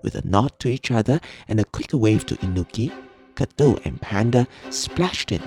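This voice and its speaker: Deep-voiced woman reading a storybook. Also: normal speed. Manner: expressive, cozy storytelling. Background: music.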